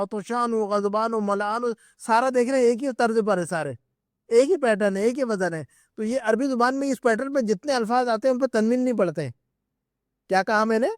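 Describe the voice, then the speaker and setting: A man with a notably high voice leads a live Arabic grammar class at an Islamic centre. He explains patiently and repeats himself, drilling each word slowly and stopping often to check the students are with him. The sound is close and dry, with almost no room echo. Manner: patient, repetitive explaining with frequent checks for understanding. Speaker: Arabic teacher.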